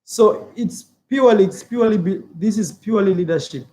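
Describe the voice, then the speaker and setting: A man's voice: high-pitched, a little fast, mellow. A man from Africa giving his opinions in a casual vlog, earnest and repetitive, with many filler words. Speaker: YouTuber. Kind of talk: casual opinion vlog, reading viewer comments.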